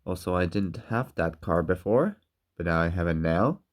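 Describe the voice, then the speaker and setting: A man casually narrating a toy car unboxing in slow, halting, simple phrases, talking with a sore throat and candy in his mouth. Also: sits low, expressive.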